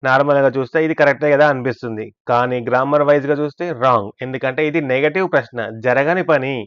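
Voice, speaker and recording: A man's voice: mid-range voice, steady tone, fast talker, clean tone, dry recording, muffled recording. Guy doing a grammar lesson voice-over, asks himself questions then answers, dry close mic. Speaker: English teacher. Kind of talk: scripted language lesson narration.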